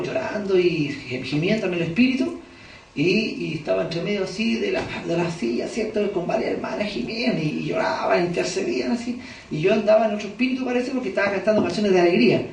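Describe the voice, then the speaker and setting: A man preaching to his congregation in a high-pitched voice, picked up from a distance in a reverberant church hall. He keeps it conversational, tossing rhetorical questions at the listeners as he goes. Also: creaky, darkish tone, a little hiss or hum. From Chile. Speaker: pastor. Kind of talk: sermon. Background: congregation responding.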